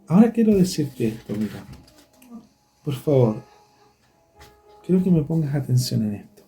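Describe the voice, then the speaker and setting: A man's voice: mid-range voice, sing-song, moderate pace, warm tone, faint music behind. A man preaching a sermon as pastor. He speaks earnestly and keeps turning back to address the congregation directly.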